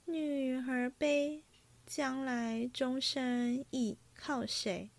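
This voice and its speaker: A woman voicing a young female singing girl at a banquet, soft, slow and sing-song. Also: sits high, steady tone, creaky, no echo, heavily acted. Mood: coy.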